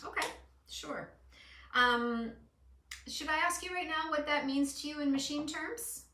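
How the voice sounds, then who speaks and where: A woman with a slightly high, clearly bright voice talks someone through a card reading. She is casual and instructive, checking in as she goes. The sound is roomy, picked up at some distance from the mic. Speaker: host giving a card reading. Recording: echoey room, distant mic.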